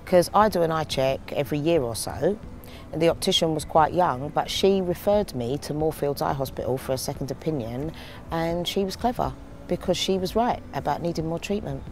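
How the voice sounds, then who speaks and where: A woman's voice: deep voice, moderate pace, a little mellow, slight background noise. A woman in her forties from London, giving a testimonial of her own views. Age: 40s. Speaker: community member giving views.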